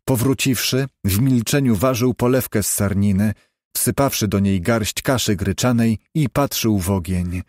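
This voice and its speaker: A man narrating a novel in a steady, measured reading. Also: fairly low pitch, dry recording, studio quality. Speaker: audiobook narrator. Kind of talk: scripted narration.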